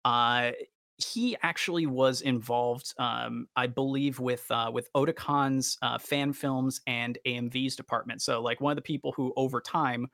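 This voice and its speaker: A man co-hosts a casual fan podcast, his mid-pitched, slightly bright voice carrying noticeable vocal fry and fairly even intonation. He's enthusiastic yet halting as he works through his thoughts. The sound is close and dry, with no echo.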